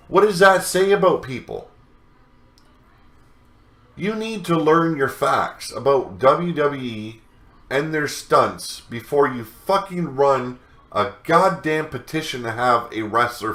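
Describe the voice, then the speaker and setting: A man hosts a wrestling news show and rants with open scorn, swearing heavily as he goes. He talks at an unhurried, drawn-out pace in a mid-range voice. The recording carries a noticeable room echo. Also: mid-range voice, bright, forceful tone. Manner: profane, scornful ranting. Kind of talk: ranting news commentary.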